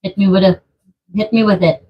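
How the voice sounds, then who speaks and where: A Trinidadian woman with a mid-range, steady voice talks briskly on a home live stream, chatting casually and reading viewer comments aloud with playful humor. She laughs often, and the lo-fi audio carries slight background noise.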